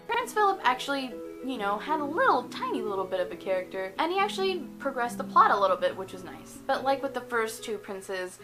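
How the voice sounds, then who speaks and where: A woman's voice: a little high, poor audio. A young woman hosting a casual vlog, chatty and opinionated, sometimes repeating words as she talks. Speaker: YouTube host. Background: music.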